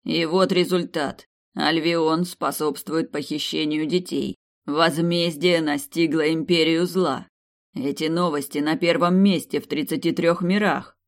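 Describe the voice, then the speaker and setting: A man voicing a young male emperor who scolds his ministers with slow, sarcastic rebukes in an audiobook. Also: fairly high pitch, steady tone. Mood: cold anger. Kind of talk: audiobook character voice.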